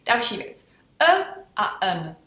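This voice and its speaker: A woman's voice: mid-range voice, big pitch swings, a bit bright. A woman teaching English grammar in a chatty explanatory way, often checking in with her listeners. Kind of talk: explanatory language lesson. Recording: echoey room, voice from far off.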